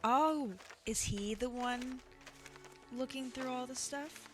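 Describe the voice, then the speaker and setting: A woman's voice: high voice, takes it slowly. A woman streaming a video game, chatting in a sing-songy way and talking to her viewers as she plays. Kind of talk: casual gameplay commentary. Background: game music.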